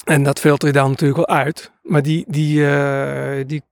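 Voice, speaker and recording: A slightly high-voiced man telling a rambling story. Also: little pitch movement, normal speed, creaky, dry recording, clean studio sound. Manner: rambling, hesitant, many filler sounds. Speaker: nature sound recordist. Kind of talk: casual interview storytelling.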